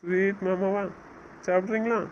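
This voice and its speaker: A man's voice: high voice, level tone, moderate pace, highs cut off, slight background noise, close to an everyday voice. A man playing a young newlywed husband who teases his wife and lectures her sternly in a romantic audio drama. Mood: playful. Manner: teasing, then stern and scolding. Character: young husband, teasing yet bossy with his new wife.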